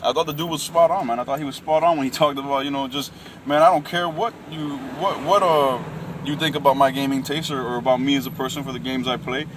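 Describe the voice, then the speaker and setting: A man's voice: mid-range voice, fairly even intonation, fast talker. A man in his late twenties ranting casually about gaming, calling everyone man and bro, with a lot of fillers. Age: late 20s. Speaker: gaming vlogger. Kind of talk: casual rant to camera. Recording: distant mic with loud traffic and air conditioning. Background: vehicle and urban noise.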